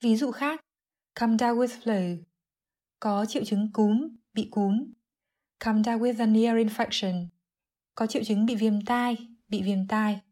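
A woman's voice: fairly high pitch, slow, mellow. Methodical woman teaching English vocabulary. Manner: clear, methodical, explains word by word. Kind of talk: explanatory language lesson.

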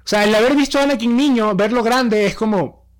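Young male podcast co-host, high voice, animated casual delivery. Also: a little fast. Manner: animated, restarts often, laughs easily.

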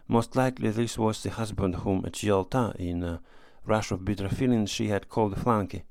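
A man narrating a classic story as an audiobook reader, in a steady, measured manner. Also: fairly low pitch, creaky, no room sound.

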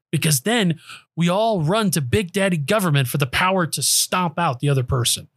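Male podcast host, sarcastic and emphatic monologue, slightly high voice, dry close mic. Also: no echo. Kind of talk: political commentary monologue. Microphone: close studio microphone.

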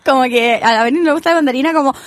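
A woman's voice: high-pitched, rapid-fire. A Chilean woman in a casual chat with friends, chiming in with short reactions and exclamations.

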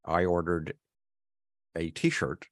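A man's voice: sits low, slow. A man in his fifties co-hosting a podcast, telling a long story in casual chat with many restarts. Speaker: podcast co-host.

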